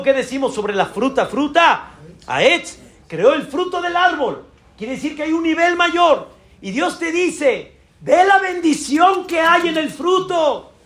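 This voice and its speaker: Man, rabbi, sermon, emphatic, rhetorical questions, strikingly high-pitched voice.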